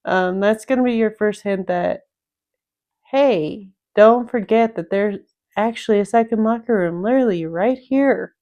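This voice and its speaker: A woman's voice: mid-range voice, measured pace, warm tone, dull audio. A woman casually talking through a video game, explaining each step and thinking aloud as she plays. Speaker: gameplay commentator. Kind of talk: casual game walkthrough commentary.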